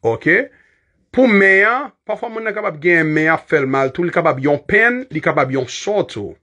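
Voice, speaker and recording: A man's voice: a little high, lively intonation, normal speed, sharp tone. A man with a Haitian accent teaching English body-part words in a casual lesson, chatty, laughing often and spelling words out letter by letter.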